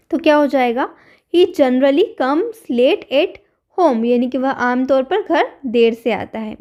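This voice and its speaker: A woman's voice: sits high, dull audio. A woman teacher explaining English words and grammar in Hindi, patiently repeating each word and then giving its meaning.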